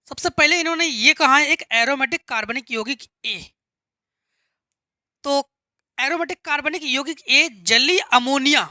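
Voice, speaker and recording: A woman with a high, bright voice teaches chemistry. She works through each step patiently, asking a question and then answering it herself. The recording is close and dry. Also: no room sound. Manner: patient, asks and answers her own questions, repeats key words. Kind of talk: classroom lesson explaining step by step.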